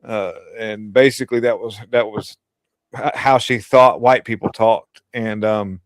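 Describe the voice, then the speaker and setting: A man with a somewhat low, steady voice hosts a casual political livestream, speaking bluntly and crudely with lots of emphasis. He talks unhurriedly, and there's no room sound.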